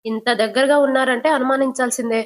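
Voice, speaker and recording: A woman voicing a sarcastic, quick-witted young husband in a retold TV serial, with mocking, teasing jabs. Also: high voice, steady tone, close to an everyday voice.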